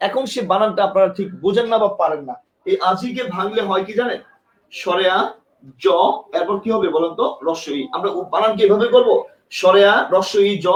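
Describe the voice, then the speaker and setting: A man's voice: high-pitched, echoey room. A man with a Bangladeshi Bengali accent teaching a live exam-prep lesson, repeating points and quizzing students with questions. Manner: emphatic, urges attention.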